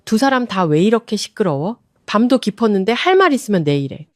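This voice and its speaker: A woman's voice: mid-range voice, sing-song, a little fast, no room sound, natural voice. Cast a woman as an evasive, annoyed young husband for radio drama; dry sound. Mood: irritated evasive. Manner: annoyed, stammering.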